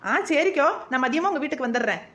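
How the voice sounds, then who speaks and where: A woman voicing an eager young woman friend in a cartoon, with a Kanyakumari Tamil accent, chattering quickly. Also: sits high, expressive, pushed and bright.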